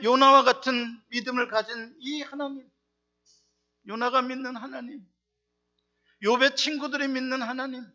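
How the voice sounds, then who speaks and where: Very high, bright-voiced man preaching. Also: lo-fi sound. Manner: emphatic, rhetorical questions, swings between loud and soft. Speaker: pastor. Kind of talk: sermon.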